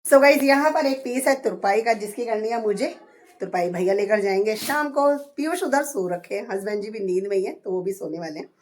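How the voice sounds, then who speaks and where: A hoarse woman in her thirties chatting through a home vlog, describing her chores step by step. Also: mid-range voice, fairly quick. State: hoarse, voice going. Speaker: vlogger. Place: at home, indoors.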